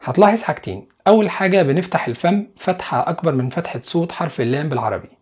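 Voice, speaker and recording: A man with an Egyptian Arabic accent teaching English pronunciation to beginners, patiently repeating each sound slowly and reassuring the learner. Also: a little high, animated, darkish tone, husky.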